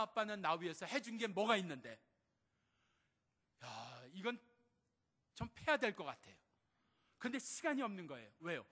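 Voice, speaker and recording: A man preaches with a bright, high voice that leaps up and drops low. He tells stories and acts out the quoted lines. His words ring out with a long reverb through a church hall. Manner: animated storytelling, acting out quoted lines. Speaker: pastor. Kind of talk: sermon. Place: church sanctuary.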